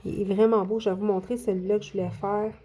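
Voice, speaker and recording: Chatty Québécois woman with mellow voice. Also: mid-range voice, flat delivery, fast talker. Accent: Québécois French. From Quebec. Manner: chatty, hesitant, many fillers and restarts. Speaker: coloring book YouTuber. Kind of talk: casual show-and-tell vlog.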